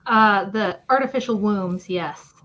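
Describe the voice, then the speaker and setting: A woman's voice: mid-range voice, unhurried, muffled recording. A woman hosting a podcast, chatting casually and reading from an article. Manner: conversational, reads from an article aloud. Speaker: podcast host.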